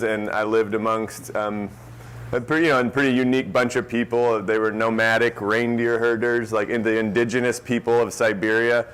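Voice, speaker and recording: A man speaking as a panelist on stage at a live discussion, relaxed and self-deprecating, chuckling easily. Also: on the low side, clean tone. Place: stage before a live audience.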